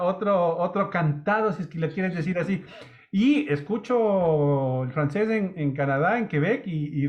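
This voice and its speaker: A man with a notably high voice hosts a casual podcast interview. He asks his questions in a loose, chatty way, restarting phrases as he goes. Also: dull audio. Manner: asks questions with many restarts, laughs easily. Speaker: podcast host.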